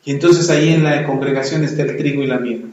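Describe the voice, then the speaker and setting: A man preaching a lively sermon as a pastor, acting out the voices he quotes. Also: mid-range voice, quick pace, roomy sound, lo-fi sound, slight background noise. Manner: animated, acts out quoted voices.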